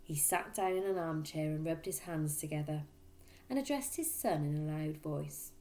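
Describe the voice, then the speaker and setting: A woman reading a children's book aloud, in expressive, emphatic storyteller narration. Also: deep voice, normal speed. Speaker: storybook reader, teacher.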